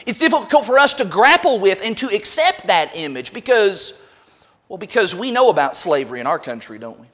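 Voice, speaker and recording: Male pastor, high and animated delivery, preaching to a congregation in church. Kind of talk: sermon.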